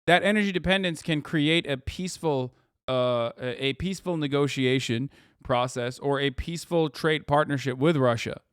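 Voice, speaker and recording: Recorded dry and up close with no room sound, a male streamer with a smooth, fairly high voice delivers live reaction commentary on an article. Heated, sarcastic, and swearing often, he stalls on fillers before pushing his argument through.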